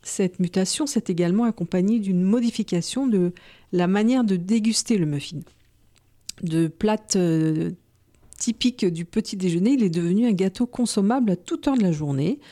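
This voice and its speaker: Woman co-host reading from her notes, warm mellow tone, steady. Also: medium pitch. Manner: measured, reading aloud.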